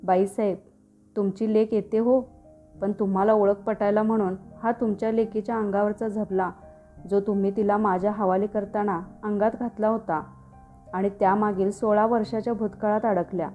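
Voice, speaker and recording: A woman's voice: medium pitch, level tone, moderate pace, warm tone, soft background music, natural voice. A woman doing a humble, tender mother. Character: humble, devout, simple middle-aged mother.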